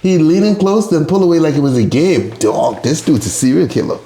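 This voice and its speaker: A man's voice: fairly high pitch, a little fast, reverberant, a little hiss or hum. A man hosting a live stream, reading an article aloud and breaking in with crude, joking comments. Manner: profane, joking, reacts loudly between read-out lines. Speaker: streaming podcast host. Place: home streaming setup.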